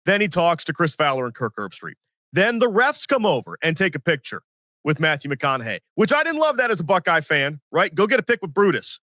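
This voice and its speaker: A man in his forties hosting a sports podcast, telling stories in an animated, self-mocking way and acting out what others said. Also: a little high, fairly quick, no echo, clean studio sound. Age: 40s. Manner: animated, self-mocking storyteller who acts out quotes. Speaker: podcast host. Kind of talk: casual sports podcast storytelling.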